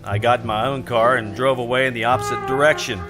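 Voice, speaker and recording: An actor playing Philip Marlowe, a wry, world-weary private detective, with clipped delivery in an old radio drama. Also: male voice, medium pitch, steady tone, fast, over music, lightly acted. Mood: wry narration. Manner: wry, clipped, hard-boiled.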